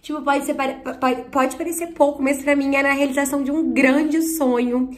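A woman with a Brazilian Portuguese accent in an excited unboxing vlog, talking breathlessly and nervously, close to tears. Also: high voice, normal speed. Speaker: YouTuber and performer. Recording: echoey room.

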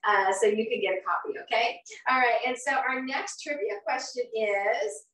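Her voice sits fairly high and a bit bright, with lively intonation at a normal pace: a fifty-something woman hosting a live cooking stream at home. She chats warmly, encourages viewers, and laughs a lot. Captured by a far camera, the audio has a roomy, distant kitchen feel.

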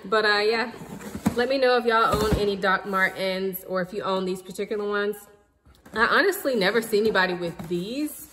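Her mid-range voice carries a long reverb tail and some background noise as she talks at a moderate pace. The speaker is a woman in her thirties, seated indoors at home, chatting in a relaxed way to "y'all" about her recent purchases for a casual haul vlog.

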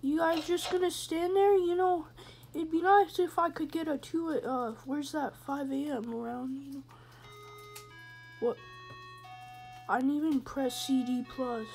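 A woman's voice: high voice, steady tone, measured pace, pauses often, darkish tone, soft background music. A woman playing a horror game and commenting in a jokey, rambling way, sometimes dropping to a whisper. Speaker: gamer. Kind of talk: let's play commentary.

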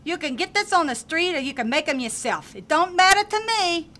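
A woman's voice: very high voice, big pitch swings, a little fast, bright, forceful tone, full character voice. Woman playing a sassy scam-artist girl. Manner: brash, sassy, mocking.

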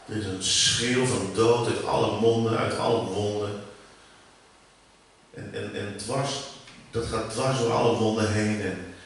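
A middle-aged man with a Dutch accent preaching a sermon, animated, jumping up in pitch and volume for emphasis and often restarting his words. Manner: animated, rising sharply in pitch and volume for emphasis, many repeated starts. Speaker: preacher and worship leader. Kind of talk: sermon teaching. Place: church hall. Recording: far from the mic in a very echoey room with faint ambient noise.

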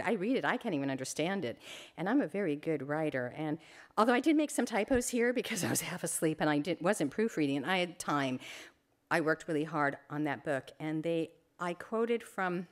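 An older woman photographer giving an informal library talk, chatty, rambling and openly emotional at times. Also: lowish voice.

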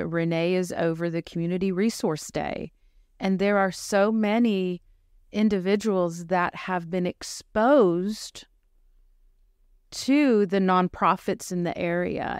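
A middle-aged woman who runs a pregnancy medical center, telling stories in an animated, chatty way. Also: on the low side, takes it slowly, clean tone, dry recording, clean studio sound. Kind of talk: casual chat.

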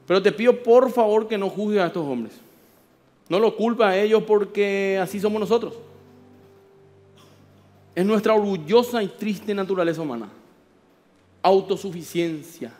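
A man with a Paraguayan Spanish accent, a pastor preaching a sermon with animated storytelling and acted-out voices. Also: high-pitched, big-room sound.

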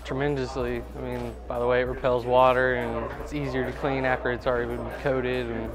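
Flat-toned confident man. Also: mid-range voice, brisk, crowd noise, rough recording. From Missouri, USA. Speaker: car detailing student. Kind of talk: on-camera interview answer. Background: background music.

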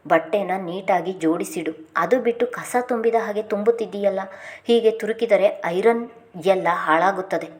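A woman's voice: medium pitch, moderate pace, lightly acted. A woman voicing a fussy husband who teases his wife while she packs. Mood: teasing. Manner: teasing, fussy. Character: teasing husband fussing over packing.

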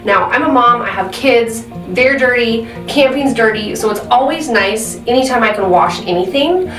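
A woman's voice: fairly high pitch, expressive, normal speed, music in the background. Chatty woman reviewing gear, roomy sound. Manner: chatty, frequent "um" fillers. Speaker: product reviewer. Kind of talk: casual product review. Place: indoor room at a desk. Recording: roomy and slightly distant.

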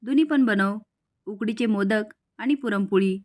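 A woman's voice: mid-range voice, a little slow, lightly acted. A woman voicing a kind, obliging middle-aged family man in a storybook recap. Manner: obliging, calm.

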